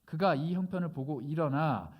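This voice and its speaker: A male pastor preaching a sermon, retelling a scripture story in lively conversational storytelling and briefly acting out the characters' words. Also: a little high, normal speed, lo-fi sound. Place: church sanctuary.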